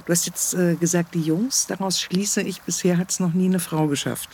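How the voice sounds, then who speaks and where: A woman's voice: lowish voice, fairly even intonation, moderate pace, a little mellow. Female podcast host, faint background noise. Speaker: podcast host, military editorial reporter. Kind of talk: conversational podcast interviewing.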